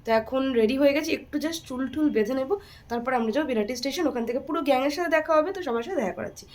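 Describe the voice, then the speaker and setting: A woman's voice: high-pitched, rapid-fire. A young woman with a Bengali accent, chatting directly to her viewers in a casual travel vlog. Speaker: travel vlogger.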